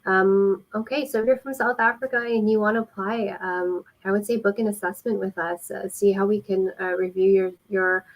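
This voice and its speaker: A woman who works as an immigration consultant explains things helpfully and informally in a live question-and-answer format, pausing frequently. Her mid-range voice is steady, and the recording is low quality.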